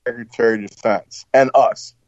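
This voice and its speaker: A man's voice: mid-range voice, steady tone, darkish tone, dry recording. Man on a call, audio cutting in and out. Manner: halting, with many restarts. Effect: audio cutting in and out, uneven volume. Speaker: panel guest. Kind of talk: casual discussion. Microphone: online call. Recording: dull, dry, dropping-out call audio.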